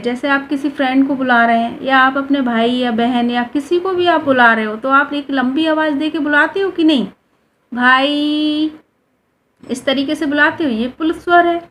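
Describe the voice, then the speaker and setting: A woman's voice: high voice, slight background noise. A woman teaching a class, patiently asking questions and answering them herself, drawing out vowels to show how they sound. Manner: draws out vowels to demonstrate them. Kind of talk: explaining a lesson to students.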